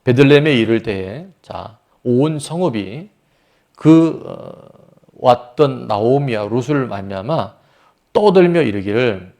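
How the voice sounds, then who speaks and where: A man's voice: mid-range voice, expressive, takes it slowly, warm tone. A man pastor preaching a sermon, asking the congregation questions and acting out voices from the story. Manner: asks the congregation questions and acts out quoted voices.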